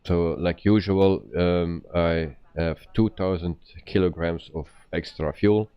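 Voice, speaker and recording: Very deep, slow-talking man streaming, dull sound. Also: fairly even intonation, clear, resonant tone. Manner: hesitant, explaining step by step. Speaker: flight simulator live streamer. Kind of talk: casual game commentary.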